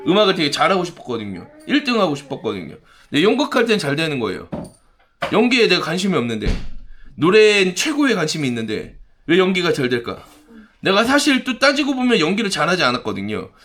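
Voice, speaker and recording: A male pastor delivers a sermon with dramatic energy, slipping into other voices to act out scenes. His pitch leaps up and drops low all the time. His voice sits a little on the high side. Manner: animated, dramatic, acts out voices.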